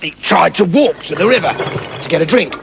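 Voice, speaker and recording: A man's voice: a little high, expressive, brisk, creaky, noisy background. A man telling a fairy tale with comic, mock-dramatic asides. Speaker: storyteller.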